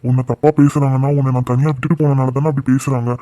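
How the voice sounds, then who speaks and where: Brief: middle-aged cartoon father voiced by a man, mellow, fast, caring but insistent. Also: mid-range voice, flat delivery, a little hiss or hum, natural voice. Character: middle-aged village husband and father, remorseful. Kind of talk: cartoon drama voice acting.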